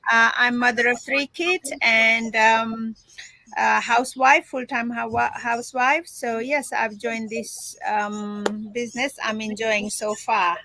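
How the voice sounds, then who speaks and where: A woman from Nepal, a native Nepali speaker, introduces herself warmly and haltingly. Her voice is bright and fairly high. The recording is dry and close. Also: level tone, no room sound. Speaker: panel guest.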